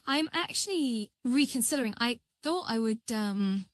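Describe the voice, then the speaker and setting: A woman's voice altered by a voice changer, hosting a casual live software tutorial in a halting, think-aloud way. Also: on the high side, lively intonation, dry recording. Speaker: livestream tutorial host.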